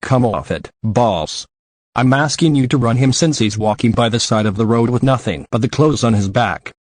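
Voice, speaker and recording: A man reading the part of a cool, guarded young female spy in a deadpan tone. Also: mid-range voice, normal speed, dry recording, clean studio sound, lightly acted.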